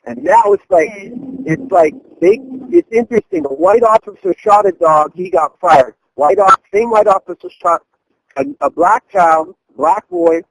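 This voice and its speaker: A man's voice: high voice, very animated, measured pace, creaky, no room sound, low-quality recording. A man hosting a weekly call-in discussion, talking emphatically and listing his points like a preacher. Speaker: host of a weekly call-in address.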